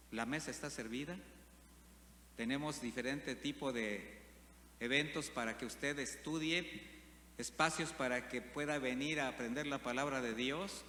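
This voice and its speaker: A pastor delivers a sermon, frequently asking his congregation rhetorical questions. His medium-pitched voice is bright and forceful, ringing through a spacious church hall with a long echo and a faint hum underneath.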